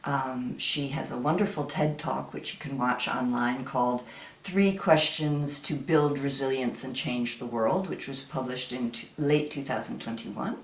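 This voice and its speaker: American woman, event host, slow unhurried delivery, roomy echo, halting intro with ums. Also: rumbling low, slight background noise. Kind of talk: warm formal introduction.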